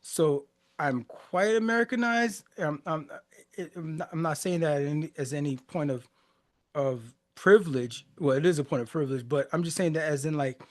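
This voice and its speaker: His voice a little high and his pace moderate, a man in his forties hosts a music reaction podcast. He was born in Haiti and grew up in the United States, and he talks in a relaxed, reflective way, laughing often, with plenty of fillers and restarts.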